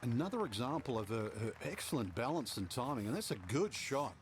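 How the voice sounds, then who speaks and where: A man's voice: mid-range voice, very animated, fairly quick, a little hiss or hum, natural voice. A man as a golf commentator in a video game, giving instructive expert analysis of the shots. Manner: explanatory, instructive.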